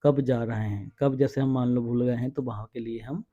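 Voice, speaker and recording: A man's voice: medium pitch, fairly even intonation, normal speed. Man, grammar teacher, coaching lecture, explains step by step, dull muffled audio. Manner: explains step by step, reads out examples. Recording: dull lo-fi sound.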